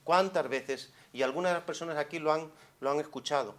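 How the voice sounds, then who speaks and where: Psychologist lecturing expressively. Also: male voice, on the high side, brisk. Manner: expressive, swings from hushed to loud, many rhetorical questions. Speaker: psychologist giving a conference talk. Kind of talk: conference lecture. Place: conference hall.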